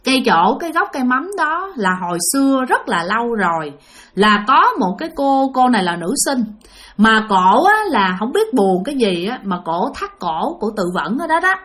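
A woman's voice: a little high, very animated, moderate pace, fairly bright tone. A woman doing a stern old village exorcist. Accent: Southern Vietnamese. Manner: scolding, reassuring.

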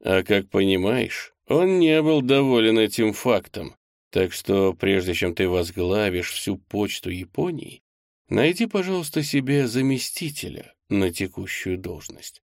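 A man voicing a confident male boss in an audiobook, giving brisk, assured orders. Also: fairly low pitch, animated, dry recording, studio quality. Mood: commanding. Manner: assured, directive. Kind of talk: audiobook character voice.

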